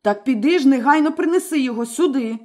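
A woman's voice: high-pitched, expressive, normal speed, a little mellow. A woman voicing a cruel, domineering husband who barks threats at his wife in a fairy tale. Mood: menacing. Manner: threatening, barking commands. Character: menacing wealthy husband, cruel, domineering man. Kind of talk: storybook character voice.

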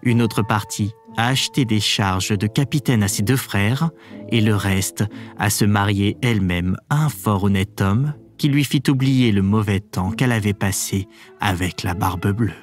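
A man narrating a fairy tale in an expressive, measured storybook reading. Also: on the low side, soft background music.

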